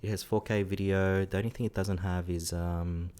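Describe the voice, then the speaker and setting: Co-host, male, low register, laid-back rambling talk with fillers. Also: normal speed, clean tone. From Australia. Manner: relaxed, rambling with many fillers. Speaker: podcast co-host. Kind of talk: casual tech chat.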